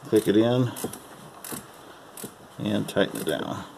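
Talking slowly and expressively, a man with a lowish, darkish voice and vocal fry walks through a hands-on repair at an open engine bay. This amateur mechanic's how-to is casual and folksy, and he refers to parts as "her." The recording is rough, with a little hiss or hum.

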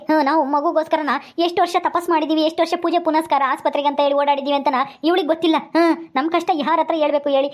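A woman's voice: high voice, darkish tone, lightly acted. A woman playing a young father in a village family drama, who pleads and rages at his son's kidnapper. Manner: indignant, pleading.

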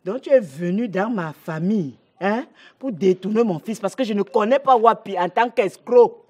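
A woman's voice: sits high, lively intonation, fairly quick, a bit bright. A woman playing a furious mother who scolds her grown son with repeated demanding questions in a comedy web series. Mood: stern. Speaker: angry mother.

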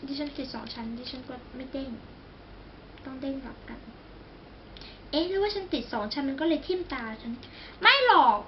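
A high-pitched young woman chats her way through a casual makeup tutorial at home, full of exclamations and jokes at her own expense. The recording sounds a little dull, with a faint hiss behind her. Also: expressive, normal speed. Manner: chatty, exclamatory, self-mocking, talks straight to viewers. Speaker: beauty vlogger. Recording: slightly dull recording with faint background noise.

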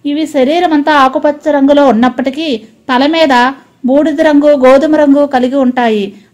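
A woman with a high, light voice reads an informational voice-over. She speaks in short, plain sentences, stepping through one item after another at an even, steady rate. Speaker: narrator.

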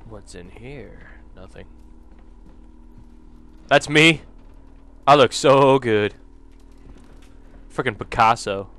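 Speaking extremely slowly with long pauses, this gameplay commentator has a mid-range, slightly bright voice, with a little background noise. The young man reads game menus aloud, cracks jokes, and slips into goofy, silly voices.

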